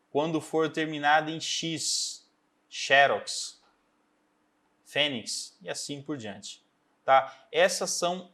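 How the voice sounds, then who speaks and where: A man teaching a recorded grammar lesson, explaining step by step and often checking in with a quick "tá?". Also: fairly high pitch, a bit bright. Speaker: Portuguese teacher. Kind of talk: recorded exam-prep lesson.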